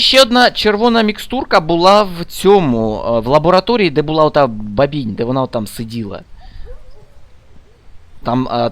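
A man's voice: medium pitch, a bit bright. A man giving casual let's-play commentary, chatty and muttering to himself, scolding the game characters as he plays.

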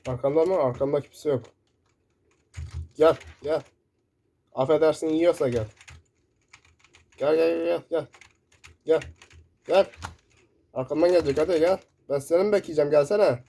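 A man commentating his own first-person shooter gameplay, excitable and shouting in bursts, keyboard clicks close by. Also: fairly high pitch, normal speed, gravelly, long pauses. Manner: excitable, shouting in sudden bursts during play. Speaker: gaming YouTuber. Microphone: desk mic picking up keyboard. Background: loud keyboard typing.

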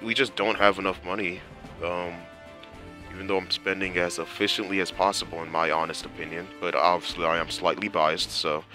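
Young dude w a low pushy voice, exasperated rambling game commentary, slangy. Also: male voice, bright, forceful tone. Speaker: gaming channel host. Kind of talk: casual gameplay commentary. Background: faint game music.

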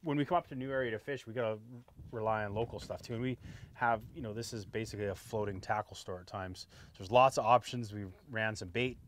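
This is a man in his forties hosting a fishing program, casually describing his gear while out on a boat, wearing a lapel mic. His pitch is fairly low and his pace quick, with a little hiss or hum in the audio. Relaxed and chatty, he keeps adding "right?" to what he says.

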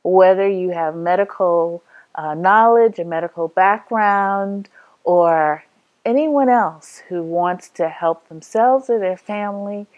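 Woman doctor from new york, talks slow and thoughtful. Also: medium pitch, lo-fi sound. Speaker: physician. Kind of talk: testimonial.

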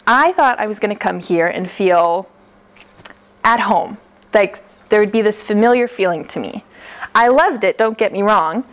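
A young American woman telling a personal story live, chatty and laughing often, acting out the quoted lines, heard from a camera across an indoor hall. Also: medium pitch. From United States. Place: classroom-style hall, indoors. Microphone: far camera.

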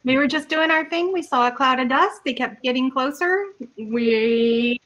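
Woman playing an online tabletop game, kinda high voice, eager and casual. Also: moderate pace, fairly bright tone, dull audio. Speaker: player.

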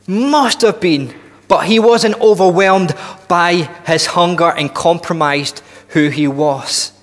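A man in his thirties with a high voice preaches in a church hall through a headset mic, with long reverb around him. He's earnest and deliberate, often restarting his sentences as he builds emphasis.

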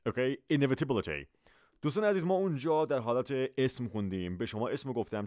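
A man whose first language is Persian, teaching English vocabulary and repeating example phrases slowly for his students. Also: mid-range voice, a little mellow, no echo, clean studio sound. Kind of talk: vocabulary lesson.

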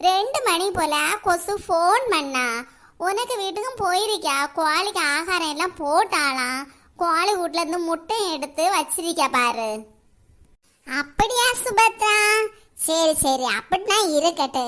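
Fretful village aunties gossip and fuss in a cartoon, as a woman puts them on. The tone stays bright and clear, chatty and worried. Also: lively intonation, measured pace, full character voice. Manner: chatty, worried, lower and plainer than the kids. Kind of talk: cartoon voice acting.

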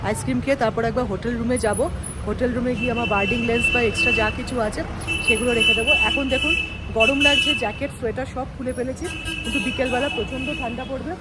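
Rapid-fire and steady, a high-pitched Indian woman leads viewers around in a travel vlog, switching between voice-over and on-location chat. Background music runs under her voice, and the recording has heavy background noise.

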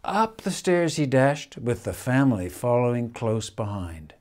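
An older man reads a children's picture book expressively, with measured phrasing and dramatic pauses. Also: mid-range voice, very animated, a little mellow. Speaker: storyteller reading a picture book. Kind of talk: expressive children's storybook reading. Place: indoors, room in a house with stone wall.

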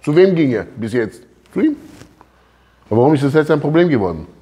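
Man rabbi teaching a class: lively swings in pitch, husky edge, keeps quizzing the room. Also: brisk. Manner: animated, questions the listeners directly. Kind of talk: religious lesson.

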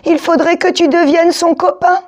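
A woman's voice: very high-pitched, fairly even intonation, moderate pace, darkish tone, voice pushed up. A woman voicing a helpful young dinosaur friend in a storybook, eager and encouraging.

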